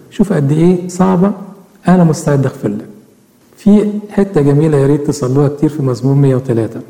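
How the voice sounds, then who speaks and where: A man's voice: fairly high pitch, dark tone. A man with an Egyptian Arabic accent preaching a sermon, earnestly questioning his listeners directly. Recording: echoey hall with long reverb.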